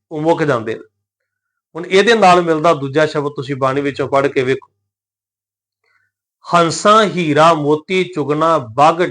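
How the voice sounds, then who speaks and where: Measured man teaching scripture. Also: fairly high pitch. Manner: calm, measured explanation, slowing down to recite verses. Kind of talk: religious lesson on scripture pronunciation.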